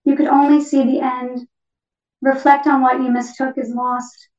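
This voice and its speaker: Woman voicing a gentle parakeet spirit, high voice, lyrical reading; distant lo-fi call. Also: level tone, normal speed, close to an everyday voice. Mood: tender. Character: extinct female parakeet spirit, tender. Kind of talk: poetry reading. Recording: distant echoey lo-fi online call.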